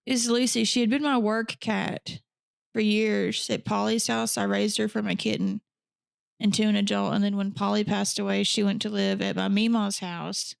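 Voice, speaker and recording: A woman's voice: medium pitch, level tone, moderate pace, gravelly, clear, resonant tone, no echo. A woman podcast host telling a true crime story in a casual, chatty way, with blunt profane asides.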